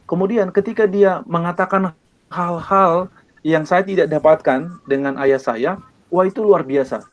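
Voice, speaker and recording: A man from Indonesia, an evangelist, telling his personal testimony in an earnest way, with many pauses and repeated phrases. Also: high voice, dull audio. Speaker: evangelist guest.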